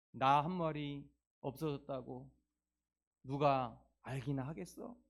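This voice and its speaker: A lost, lonely sheep pours out its fears in a plaintive, heartfelt voice, as a male preacher puts it on. The tone sits high for a man. It is a short role-play inside a sermon. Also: vocal fry. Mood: forlorn. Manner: plaintive, heartfelt inner monologue. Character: lost lonely sheep, frightened then relieved.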